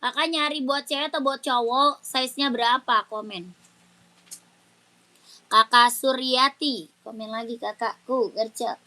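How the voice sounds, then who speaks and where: A woman's voice: on the high side, fairly even intonation, unhurried, pushed and bright. A woman with selling shoes on a live stream, chatty and urging viewers to comment and check out. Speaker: live-stream shoe seller.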